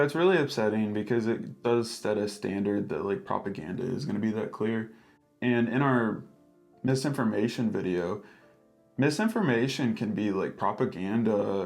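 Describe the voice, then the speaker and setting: A man's voice: fairly low pitch, vocal fry, darkish tone. A man co-hosting a casual book discussion, sounding exasperated and opinionated, peppering his talk with "like". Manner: exasperated, frequent filler "like".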